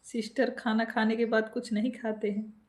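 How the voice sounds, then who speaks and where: A woman's voice: a little high, little pitch movement, moderate pace. A woman hosting a casual live stream from home with an Awadhi accent, reading viewer comments aloud and greeting people by name with playful teasing.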